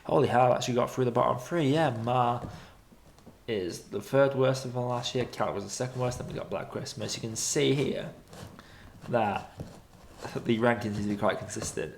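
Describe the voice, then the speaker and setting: A man's voice: mid-range voice, moderate pace, vocal fry, a little hiss or hum. A British man giving casual film review commentary as a streaming host, blunt and opinionated in colloquial language.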